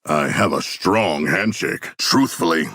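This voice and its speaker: A man playing a hulking, earnest shark warrior in a video game, speaking in stilted, grandiose, formal phrases with a gravelly, rough voice. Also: low voice, animated, measured pace, bright, forceful tone, no room sound, clean studio sound, heavily acted. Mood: dry, thoughtful. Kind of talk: video game character voice lines.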